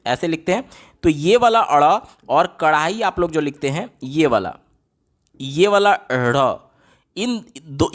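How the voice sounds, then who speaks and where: A man explaining exam questions step by step as a teacher, often asking a question aloud and then answering it himself. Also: fairly high pitch. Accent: Hindi. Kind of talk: explaining lesson on screen.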